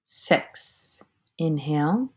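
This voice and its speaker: Slow, low-voiced woman guiding meditation. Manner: calm, measured, often trailing into breathy near-whisper. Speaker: meditation guide. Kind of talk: guided breathing meditation, slow instruction and counting.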